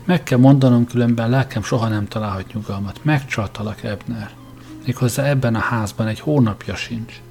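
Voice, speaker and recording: A man's voice: on the low side, vocal fry, a little mellow, faint music behind. A man voicing a dying woman who pleads frantically to confess. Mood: pleading. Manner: pleading, raised.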